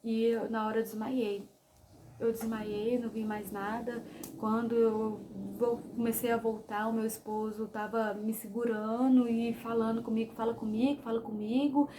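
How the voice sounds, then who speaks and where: A young Brazilian woman tells her own story straight to her viewers, speaking with feeling and calling out to them often. Her voice sits a touch high but sounds mellow and warm. A faint hiss runs under the recording. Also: flat delivery, unhurried. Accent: Brazilian Portuguese. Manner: emotional storytelling, addresses viewers as "gente". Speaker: vlogger. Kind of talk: personal testimony to camera.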